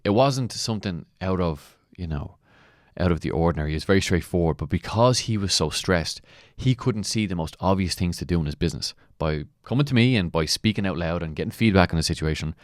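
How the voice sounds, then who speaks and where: A man's voice: low-pitched, no echo, clean studio sound. A man speaking as a mentor, giving motivational commentary with emphatic points and rhetorical questions. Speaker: mentor and coach. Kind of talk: motivational commentary on a client testimonial.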